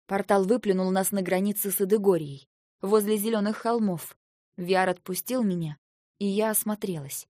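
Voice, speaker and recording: A woman narrating a first-person fantasy audiobook in a measured storytelling way. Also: medium pitch, fairly even intonation, mellow, no echo, clean studio sound.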